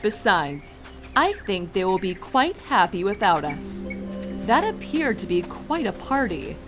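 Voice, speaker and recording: A woman playing a gracious, serene royal pony princess with a formal, measured manner in a fan fiction audio drama. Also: mid-range voice, big pitch swings. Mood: calm, thoughtful. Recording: music behind the voice. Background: music.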